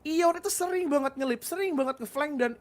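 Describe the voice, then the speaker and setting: A woman's voice: high-pitched, a little fast. A woman with an Indonesian accent giving casual analytical esports commentary, slangy and peppered with English gaming terms.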